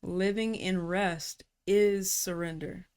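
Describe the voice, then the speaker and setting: Woman coach with a lowish voice, calm and reflective, easy casual phrasing, talking through rest and surrender. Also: clear, resonant tone. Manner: calm, unhurried, slips into casual slang. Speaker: personality typology coach.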